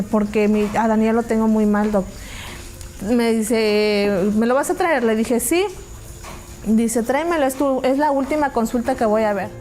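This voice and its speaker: Woman, mother's testimony, retold dialogue, hesitant fillers, higher voice, faint music behind. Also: mellow. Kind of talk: personal testimony.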